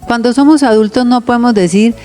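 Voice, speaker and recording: A woman's voice: on the high side, fairly quick, mellow, soft background music. A woman preaching on the radio, speaking earnestly and often turning to address her listeners directly. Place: radio studio.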